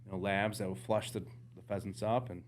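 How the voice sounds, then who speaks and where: Low-voiced man telling hunting stories. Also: brisk, a little hiss or hum. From United States. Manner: animated storyteller, jumps into quoted voices. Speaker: podcast guest, outdoorsman. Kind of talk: casual storytelling chat.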